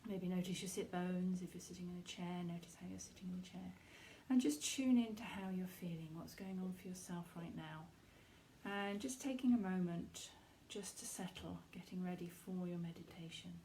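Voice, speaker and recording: A woman leads a guided meditation, giving soft, slow instructions in a soothing, reassuring way with pauses between phrases. Her voice is lowish with fairly even intonation, on a rough recording with slight background noise.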